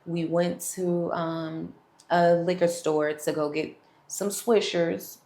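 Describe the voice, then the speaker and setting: A woman's voice: lowish voice, little pitch movement, slow pace, warm tone. A young woman frankly telling her personal testimony straight to viewers. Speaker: vlogger sharing a testimony. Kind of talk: candid personal storytelling to camera. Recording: echoey room.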